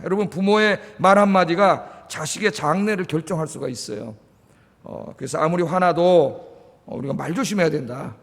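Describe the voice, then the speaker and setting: A male pastor preaching a sermon, telling the story with lively acted-out quotes. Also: fairly high pitch. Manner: animated storytelling, acts out quoted lines. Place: church sanctuary. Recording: reverberant church hall.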